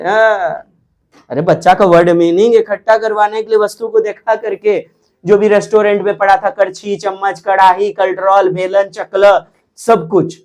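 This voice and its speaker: A male teacher leading an exam-prep lecture at an unhurried, very slow pace. He stretches out his words and repeats each key term so it sinks in. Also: high voice.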